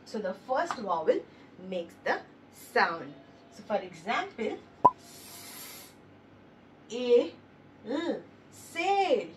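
A woman's voice: on the high side, sing-song, recorded from a distance, very noisy. A woman teaching a phonics lesson, sounding out letters one by one and praising the children. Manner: slow, sounding out letters one by one, stressing each word; encouraging, addresses listeners as babies.

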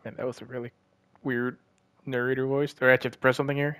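A man's voice: mid-range voice, level tone, rapid-fire, a bit bright, clean tone, no room sound. A man giving casual, wry and amused playthrough commentary as a gaming streamer. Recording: game music behind voice.

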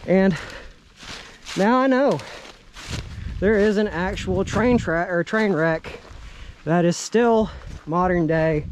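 A man in his thirties hosts a casual exploration vlog in the woods around an abandoned railway, narrating on a handheld camera in an awestruck, exclaiming way. His voice is fairly high in pitch, with a little hiss or hum on the recording.

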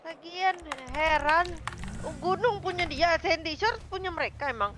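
A woman in a game roleplay who talks bluntly, gets heated fast and swears. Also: very high-pitched, lively intonation, noisy background. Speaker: roleplay gang member. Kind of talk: casual in-character roleplay chat.

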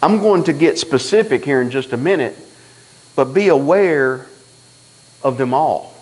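In a church sanctuary, a man delivers a sermon full of folksy, animated stories, acting out the dialogue himself. His voice sits at a medium pitch and moves briskly, though the audio quality is poor.

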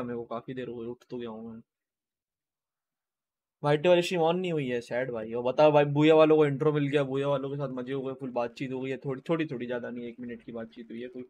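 A man streaming a game, chatting casually with his viewers and greeting them by name, speaking quietly and low-key. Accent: Hindi.

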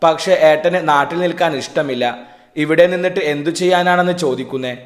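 A man narrating a story in a calm, steady reading voice. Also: a little high, moderate pace. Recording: echoey room.

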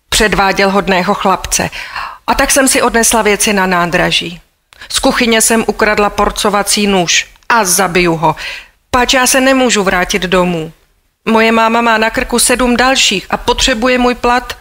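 A woman's voice: medium pitch, a bit bright, lightly acted. A woman audiobook reader voicing a desperate young working-class housemaid who speaks bluntly and colloquially, with bitterness. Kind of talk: audiobook character voice.

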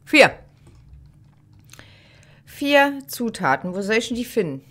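A woman's voice: fairly high pitch, big pitch swings, takes it slowly, fairly bright tone. A middle-aged woman playing a horror game, thinking aloud in casual commentary on a headset mic. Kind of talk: casual let's play commentary.

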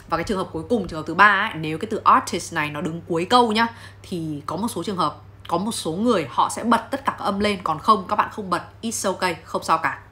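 A woman's voice: on the low side, sharp tone. A woman teaching English pronunciation in a casual, playful video lesson, talking straight to her viewers. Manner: chatty, playful, addresses viewers directly.

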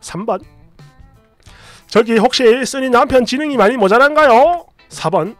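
A man's voice: very high-pitched, animated, a little slow, no room sound, faint music behind. A man reading online posts and comments aloud in a dramatized way, emotive and indignant as he acts out the quotes. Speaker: storyteller narrator.

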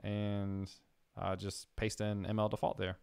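A young man hosting a coding live stream, thinking aloud with fillers and getting excited. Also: lowish voice, measured pace, creaky, smooth, dry recording, studio quality. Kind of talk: casual live-coding chat.

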